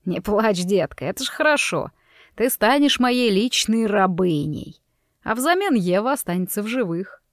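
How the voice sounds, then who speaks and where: A woman's voice: medium pitch, very animated, moderate pace, no room sound, studio quality, close to an everyday voice. A woman voicing Dante, a sneering mobster groom. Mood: taunting. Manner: taunting, sinister. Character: menacing young male mobster groom, cruel and mocking.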